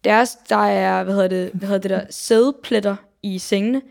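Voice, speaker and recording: A woman's voice: mid-range voice, steady tone, creaky, a little mellow. A young woman co-hosting a podcast. She is blunt, drops English phrases into her talk, and gropes for words. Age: young adult. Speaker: podcast co-host. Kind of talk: casual chat.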